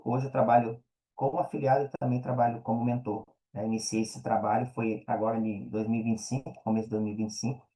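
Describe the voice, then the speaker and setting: This interview guest, a mentor and affiliate marketer, has a mellow, medium-pitched voice and a Brazilian Portuguese accent. His answers are conversational and relaxed, full of slangy wording and check-in tags. The recording quality is low.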